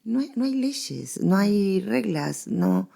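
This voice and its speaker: Taking it slowly in a creaky, medium-pitched voice, an Argentine-accented woman appears as the expert in a conversational scholarly interview. She explains animatedly, restating phrases for emphasis.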